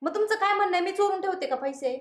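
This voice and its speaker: An actress playing a young wife who defensively denies taking money. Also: female voice, very high voice, rapid-fire, echoey room. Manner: defensive, snappy.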